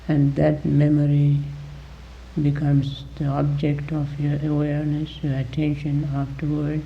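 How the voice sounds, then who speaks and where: A man teaching guided meditation uses a gravelly, monotone voice on the high side. He moves deliberately through short phrases and long pauses, and the dull recording has a little hiss or hum.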